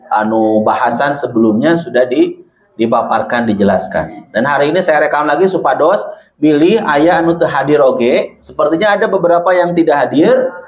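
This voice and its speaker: A man with a Sundanese accent teaching Quran reading to a class of women, slowly drawing out each syllable in his drills. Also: medium pitch, echoey room. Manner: slow and deliberate, drawing out syllables in demonstrations. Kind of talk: classroom lesson with recitation drills. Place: room with women students.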